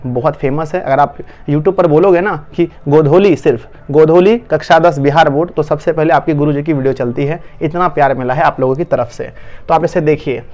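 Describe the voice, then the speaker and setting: Fast-talking man teaching in Hindi. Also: on the high side, a little mellow, muffled recording. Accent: Bihari Hindi. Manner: urgent, coaxing teacher talk to students. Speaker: online tutor. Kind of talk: exam-prep lesson.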